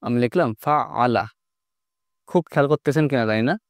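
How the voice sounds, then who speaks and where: A man's voice: mid-range voice, fairly quick, dry recording, clean studio sound. A man teaching an online class, explaining step by step and keeping his students engaged with constant questions.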